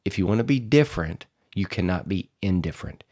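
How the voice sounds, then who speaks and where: A man's voice: low voice, animated, a little fast, darkish tone. A man hosting a podcast, talking in a casual motivational monologue with a rambling, folksy manner. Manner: rambling, repeats words, folksy. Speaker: podcast host.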